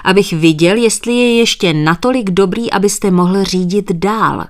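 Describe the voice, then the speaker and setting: A woman voicing a male country doctor who insists firmly and formally, with deliberate phrasing. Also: medium pitch, lightly acted. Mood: insistent.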